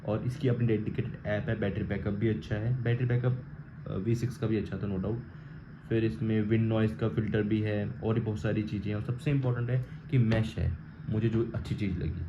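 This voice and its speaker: This is a gear-reviewing vlogger from India, a man with a fairly low, steady voice who talks at a brisk pace. His unboxing and setup walkthrough is relaxed and informal, shifting between Hindi and English phrases, and the muffled lo-fi recording carries faint background noise.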